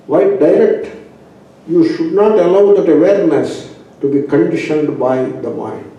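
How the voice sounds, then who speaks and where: Male Indian-accented swami for a philosophy class: very mellow tone, unhurried pacing, emphatic repetition, recorded in a reverberant room. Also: fairly high pitch. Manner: didactic, emphatic, repeating phrases. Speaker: spiritual teacher, swami. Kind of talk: spoken philosophy class with rhetorical questions. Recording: very echoey room, distant mic.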